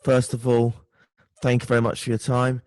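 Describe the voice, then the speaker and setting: A tired, hungover British man chatting casually about sport as a podcast guest, halting and stumbling over his words. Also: medium pitch, completely flat delivery, darkish tone, no room sound. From United Kingdom. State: tired and hungover, short of sleep.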